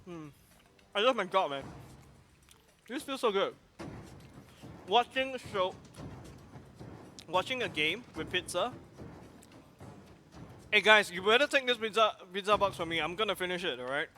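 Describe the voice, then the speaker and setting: Male esports caster, chatty and easily sidetracked; bright tone, faint music behind. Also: sits high, animated, unhurried, pauses often. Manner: playful, rambling, easily distracted. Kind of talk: casual chatty game casting.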